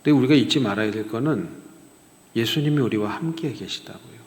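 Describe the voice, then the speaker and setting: A man's voice: medium pitch, fairly quick, a little mellow. A man preaching a sermon as a pastor, rising to emphatic rhetorical questions and then dropping to near-whispers. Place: church sanctuary. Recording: long reverb of a church hall.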